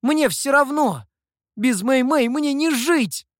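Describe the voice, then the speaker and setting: A reader voicing a desperate, angry young man who shouts in defiance in an audiobook. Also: mid-range voice, measured pace, no room sound, clean studio sound, pitched above the performer's own voice, natural voice. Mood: furious.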